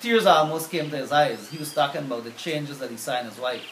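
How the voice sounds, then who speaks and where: Middle-aged man from Guyana, aid worker, measured talk, fillers, nearby camera on an outdoor veranda, roomy echo, faint hiss. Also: fairly high pitch, animated, fairly bright tone. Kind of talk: casual interview. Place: covered veranda outdoors, overlooking a field. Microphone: camera at close range.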